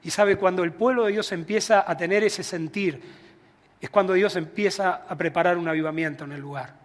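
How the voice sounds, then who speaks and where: A man's voice: high voice, a little fast. A man from Argentina with an Argentine accent, a pastor preaching a sermon and telling stories with acted-out dialogue. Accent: Argentine Spanish. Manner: animated storytelling, acting out dialogue, chuckling. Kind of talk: storytelling sermon. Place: church sanctuary. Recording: long church hall reverb.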